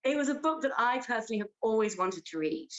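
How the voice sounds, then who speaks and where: A woman's voice: fairly high pitch, animated, quick pace, highs cut off. An English-accented woman, a theatre director and actress, chatting in an interview and laughing often. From Britain. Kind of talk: casual interview chat.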